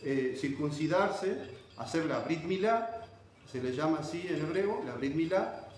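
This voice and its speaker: A man's voice: a little high, expressive, unhurried, darkish tone. A man from Argentina with an Argentine accent preaching a sermon, explaining scripture verse by verse and checking in with his listeners. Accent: Argentine Spanish. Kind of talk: sermon, Bible teaching. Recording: very echoey room with faint ambient noise.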